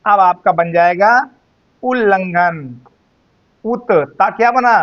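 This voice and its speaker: A man teaching Hindi spelling, repeating each word slowly and calling his students "beta". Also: high-pitched, dull audio. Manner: slow, drawn-out repetition of words, addresses students as "beta". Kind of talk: spelling and grammar lesson.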